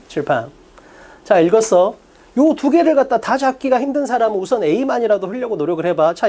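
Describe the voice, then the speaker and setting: A man teaching an exam-prep English class, prodding his students with quick rhetorical questions. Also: high-pitched, warm tone. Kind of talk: lecture.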